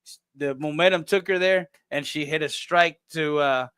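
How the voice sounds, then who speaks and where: A man doing play-by-play commentary for a local softball game, calling pitches and reading sponsor spots with plain fillers. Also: moderate pace, clear, resonant tone, no echo. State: coughing fits. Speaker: play-by-play announcer.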